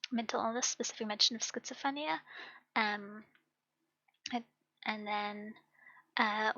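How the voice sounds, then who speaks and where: High, bright-voiced woman on a livestream. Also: vocal fry, dry recording, highs cut off. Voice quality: slight lisp. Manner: hesitant, many fillers, reading content warnings aloud. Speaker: book club streamer. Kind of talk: casual live-stream chat.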